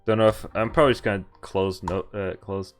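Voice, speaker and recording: A game streamer plays through a visual novel, reading its text aloud and dropping wry, offhand asides between lines. His voice is fairly low and brisk with fairly even intonation, and the game's music plays behind him.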